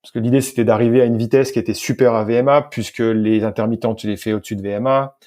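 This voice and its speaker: He talks fast in a warm mid-range voice with fairly even intonation. A French sports scientist and physical coach, he's a podcast guest telling easygoing stories about his work, repeating words and correcting himself as he goes.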